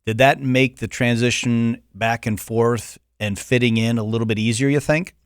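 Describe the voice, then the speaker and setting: A man's voice: mid-range voice, fairly even intonation, normal speed, smooth, no echo, studio quality. A man hosting a podcast interview, chatty and joking, asking long rambling questions. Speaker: podcast host. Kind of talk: casual interview chat.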